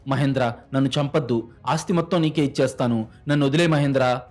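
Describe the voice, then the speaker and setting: A man voicing a sly, scheming young widow who talks fast in a falsely sweet, pleading way, in a storybook crime tale. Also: mid-range voice, a little mellow, close to an everyday voice.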